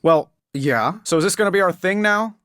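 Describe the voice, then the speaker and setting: A man's voice: high-pitched, normal speed, a bit bright, no room sound, clean studio sound. A man voicing a wisecracking, self-assured genius inventor superhero in a video game, with glib, sardonic, conversational delivery. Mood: smug, playful. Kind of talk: scripted game voice lines, quippy banter.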